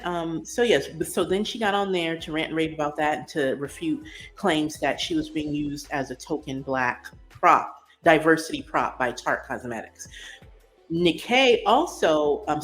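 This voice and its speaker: A woman hosting a podcast in casual, blunt, sarcastic commentary, with many "um" and "you know" fillers. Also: sits low. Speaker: podcast host.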